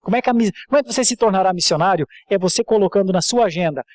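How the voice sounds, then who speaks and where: A man's voice: sits high, rapid-fire, a little mellow, dry recording, studio quality. A man with a Brazilian accent speaking as a church leader, exhorting and introducing a guest, often repeating his phrases. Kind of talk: sermon and informal introduction.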